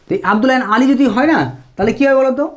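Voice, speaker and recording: A woman's voice: sits high, rapid-fire. A woman teaching a spoken English lesson, explaining patiently and stopping often to check that her students follow.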